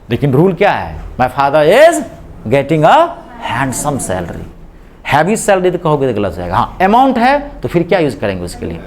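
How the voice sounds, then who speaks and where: Animated male teacher giving a grammar lecture. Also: on the high side, a little hiss or hum. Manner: drills students with repeated rhetorical questions; mixes spoken English phrases into Hindi explanations.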